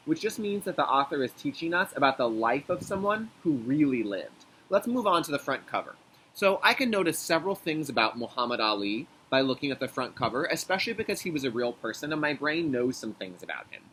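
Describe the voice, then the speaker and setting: A kindergarten teacher with a medium-pitched voice talks fairly quickly during a read-aloud lesson, captured in a low-quality recording. His storybook reading is expressive and emphatic, and he explains in simple, clear phrases while checking in with questions.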